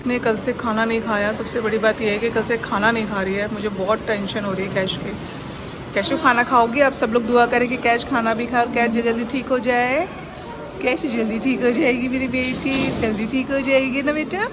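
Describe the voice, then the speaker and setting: A woman's voice: a little high, fairly even intonation, moderate pace, heavy background noise. A woman talking to her sick pet in a casual vlog, with doting baby talk. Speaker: pet vlogger. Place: outdoors and at a vet clinic.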